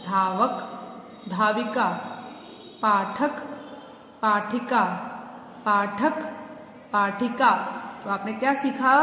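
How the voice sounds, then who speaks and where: A woman teaching a grammar lesson to children, repeating word pairs slowly and asking questions she answers herself. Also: mid-range voice, fairly bright tone. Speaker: school teacher. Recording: echoey classroom-like room, long reverb, faint noise.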